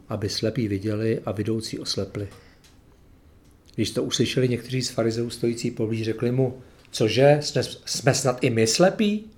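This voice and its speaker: Guy reading a bible story then thinking out loud, mid pitch, kinda halting. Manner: plain, unhurried reading, then searching, hesitant talk with fillers. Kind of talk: Bible reading followed by personal reflection.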